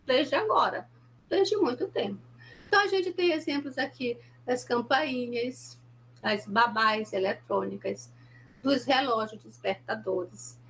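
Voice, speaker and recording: A woman with a Brazilian Portuguese accent giving a recorded university lecture, animated and acting out example dialogues with sudden jumps in pitch. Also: slight background noise. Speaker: university sign language lecturer.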